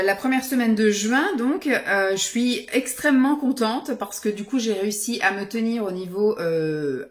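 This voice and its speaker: A woman's voice: mid-range voice, roomy sound. A woman in her forties chatting casually to camera as a vlogger, rambling with many hesitations. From France. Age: 40s.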